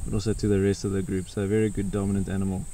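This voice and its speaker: A man's voice: low voice, level tone, racing, dark tone. A man, giving casual, understated wildlife narration as a safari guide. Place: outdoors in open bush, from a safari vehicle. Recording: outdoor recording with insect and nature noise. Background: faint crickets and bush ambience.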